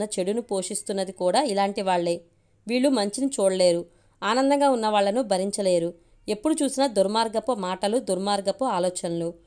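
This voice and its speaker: A woman's voice: medium pitch, a little mellow, smooth. A woman with a Telugu accent narrating a family story aloud, voicing the dialogue herself.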